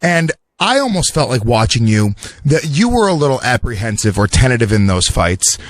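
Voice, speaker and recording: A man's voice: mid-range voice, sing-song, moderate pace, no room sound. A man co-hosting a podcast, asking long, rambling, hedging questions full of fillers in casual chat. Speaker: podcast co-host.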